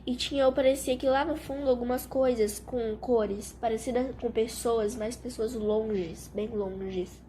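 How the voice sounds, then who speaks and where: A young woman giving an emotional personal testimony to her mother, halting and repeating words, her voice dropping away at the ends of phrases. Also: on the high side, steady tone, dark tone, a little hiss or hum.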